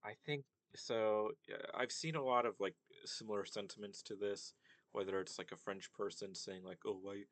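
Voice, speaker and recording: Young guy, really deep voice, rambling on with lots of ums and likes. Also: fairly even intonation, moderate pace, fairly bright tone, no room sound. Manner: rambling, many fillers and restarts. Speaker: commentator on language. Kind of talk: casual monologue.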